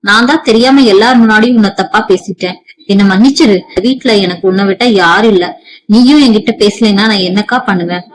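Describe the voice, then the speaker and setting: A woman's voice: medium pitch, brisk, lightly acted, poor audio. A woman voicing a tearful young woman who speaks in an upset, apologetic way.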